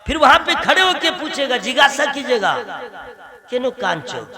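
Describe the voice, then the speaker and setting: High-voiced man preaching a fiery sermon. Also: animated, brisk. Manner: emotive, swings from loud shouting to soft. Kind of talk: Islamic sermon to a crowd. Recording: live crowd gathering. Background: crowd.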